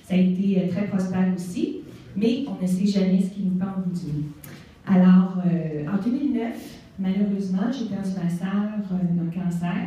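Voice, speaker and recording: A Québécois woman in her forties gives a spoken testimony at an event, chatty and full of fillers. Her voice is dark and mellow. It comes from some way off the mic and echoes heavily around the hall. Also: lowish voice, distant mic. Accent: Québécois French. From Canada. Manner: warm, conversational storytelling with fillers. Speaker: guest speaker. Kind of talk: personal testimony speech.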